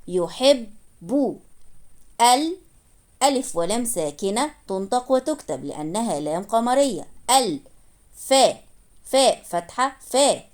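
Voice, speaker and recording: A woman's voice: medium pitch, darkish tone. A woman teaching a reading lesson, sounding out each word syllable by syllable and naming the vowel marks. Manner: sounds out syllables slowly, then names each vowel mark. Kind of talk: slow syllable-by-syllable spelling lesson.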